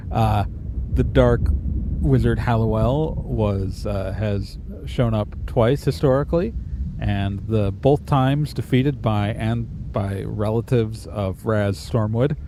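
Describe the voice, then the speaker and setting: A man's voice: lowish voice, noisy background. A man running a tabletop game as game master, improvising narration in a conversational way.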